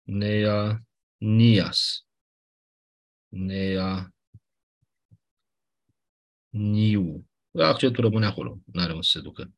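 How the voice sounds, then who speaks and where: A man teaching a class, explaining grammar rules patiently, often checking that students follow and clearing his throat now and then. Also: on the low side, pauses often, muffled recording. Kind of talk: classroom lecture on Ancient Greek grammar.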